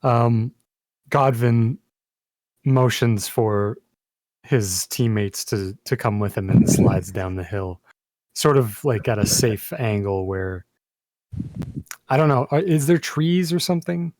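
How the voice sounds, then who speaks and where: A man plays a tabletop role-playing game, describing actions slowly and hesitantly as he searches for words. His voice has an average male pitch and a dry sound. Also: a little mellow, dry recording, rough recording. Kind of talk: improvised tabletop role-play.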